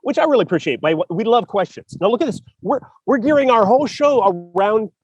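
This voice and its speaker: A male writer co-hosts a casual podcast about writing, joining by video call over spotty public Wi-Fi from a city park. His high, darkish voice has a breathy edge and moves at a quick, expressive pace as he jokes, rambles and laughs often. The lo-fi audio carries no room sound.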